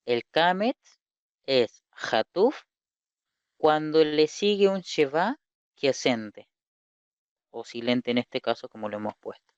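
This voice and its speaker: A man teaching an online lesson from slides, speaking deliberately, repeating key terms and asking rhetorical questions. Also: on the high side, clean tone, dry recording. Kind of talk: online lecture explaining slides. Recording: slightly muffled lo-fi recording.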